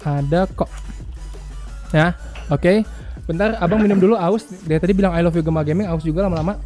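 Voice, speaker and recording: A high-pitched young man hosts a casual gaming livestream, joking and laughing through his reactions. His voice sits high but sounds dark and mellow in tone. Music plays softly behind him. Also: racing. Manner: excitable, joking, laughs often. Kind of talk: casual live-stream chat.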